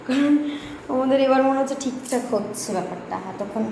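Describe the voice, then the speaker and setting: A young woman talks through her day in a loose, rambling vlog chat. She is recorded indoors at home in a room with a clear echo. Steady household noise runs behind her voice. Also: sits high, a little fast. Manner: chatty, rambling running commentary. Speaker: lifestyle vlogger. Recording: echoey room with background noise.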